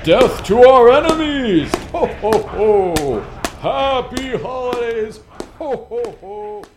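A man's voice: sits high, very animated, slow, noisy background, full character voice. A man playing a gloomy, mopey Santa Claus in a comedy sketch, darkly joking about doom. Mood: menacing.

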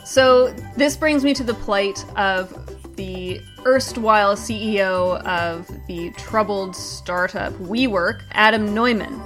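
A woman hosting a scripted comedy news segment with a brisk, wry, deadpan delivery. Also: mid-range voice. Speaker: comedy show host.

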